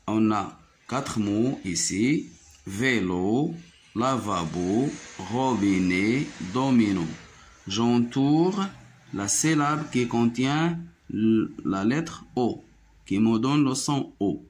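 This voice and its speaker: A man teaching a children's French phonics lesson with a Moroccan French accent, saying each word slowly and repeating it twice. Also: medium pitch, lively intonation, a little mellow, a little hiss or hum.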